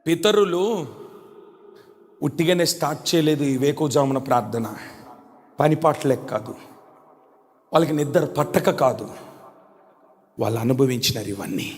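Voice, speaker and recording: In a large hall at a church service, a pastor preaches a Pentecostal sermon to his congregation. He repeats phrases and calls for responses, swinging between shouting and quiet, low stretches.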